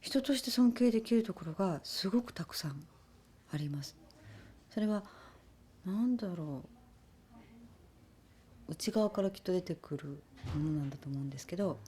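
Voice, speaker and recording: A woman actress answering interview questions in a soft-spoken, thoughtful way. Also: fairly low pitch. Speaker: actress interviewed about her film.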